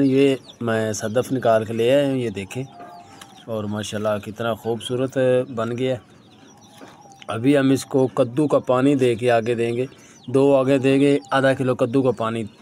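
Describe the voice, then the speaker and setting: Homespun herbal practitioner explaining step by step. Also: male voice, mid-range voice, a little mellow, a little hiss or hum. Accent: Punjabi-influenced Urdu. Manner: casual, keeps saying "lo ji" and "bhaijaan". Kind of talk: hands-on demonstration tutorial.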